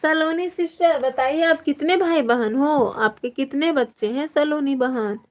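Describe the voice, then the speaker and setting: A woman from Chhattisgarh hosting a casual live stream, greeting viewers by name and reading out their comments in a slow, drawn-out, friendly way. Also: high-pitched. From Chhattisgarh, India.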